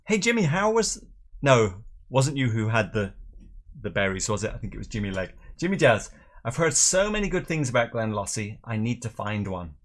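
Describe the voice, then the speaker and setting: A middle-aged man from Northern Ireland and England hosts a live tasting show, chatting casually and jokily while reading out viewer comments. His mid-range voice is sing-song and moves at normal speed.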